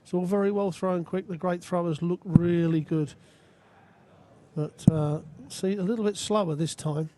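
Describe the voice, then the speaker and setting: A man's voice: high voice, fairly even intonation, normal speed, dark tone. A man giving conversational, analytical live darts commentary as a co-commentator. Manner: analytical, addresses his co-commentator.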